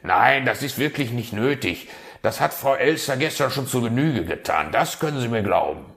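A man voicing an excitable, fussy male fox in a storybook tale, speaking high and loud. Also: a little slow, vocal fry, full character voice. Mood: eager.

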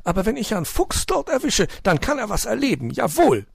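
A man voicing a fretful, anxious female magpie lady in a storybook, high-pitched and quick to worry. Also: huge pitch swings, vocal fry, breathy edge, no echo, studio quality, heavily acted.

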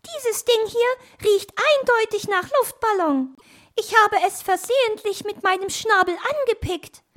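A woman's voice: very high-pitched, a little slow, voice pushed up. A woman voicing a small, cheerful blue bird in a children's audio story, laughing and cheeky. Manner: bright, laughing.

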